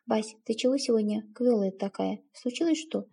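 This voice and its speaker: A blunt, bustling barmaid, voiced by a woman reader in a spoken story, brisk and chiding yet caring. The voice is husky with a gravelly edge and a higher pitch. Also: warm tone.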